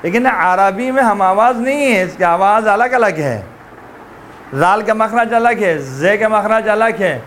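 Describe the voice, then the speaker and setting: A man teaching Quranic recitation in a classroom lesson. He drills letter sounds slowly and often stops to check whether his students understood. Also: high voice, a bit bright, slight background noise.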